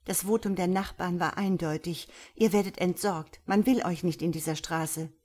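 Barbara, a bitter and worn-out wife, lashes out in a raised, harsh voice, as a woman narrator voices her. Her lines come out louder than the surrounding narration. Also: fairly low pitch, moderate pace, lightly acted. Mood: cold. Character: bitter, tearful wife, hostile.

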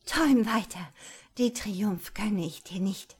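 A woman voicing a proud, defiant young woman who snaps back in sharp, loud outbursts. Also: medium pitch, takes it slowly, husky.

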